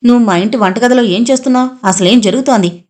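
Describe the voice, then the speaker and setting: A woman's voice: on the high side, quick pace, a little mellow, close to an everyday voice. A woman narrator reads a frightened young husband in a horror audiobook. He demands answers urgently, anger covering his fear. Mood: angry.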